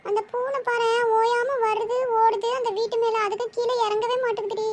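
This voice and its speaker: A woman voicing a frightened young village woman in a cartoon, pleading and rushed. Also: extremely high pitch, fairly even intonation. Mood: panicked. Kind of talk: cartoon voice acting.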